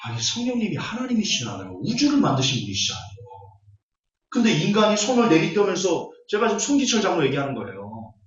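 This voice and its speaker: A man's voice: high-pitched, wildly swooping pitch, quick pace. A man preaching a Bible lecture, scornful and full of rhetorical questions. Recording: echoey hall, distant, dull audio.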